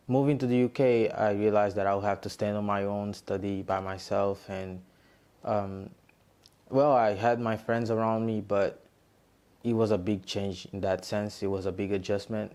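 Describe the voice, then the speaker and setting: Low-voiced young man from Angola. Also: a little mellow, smooth. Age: young adult. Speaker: international student. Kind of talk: documentary interview answers.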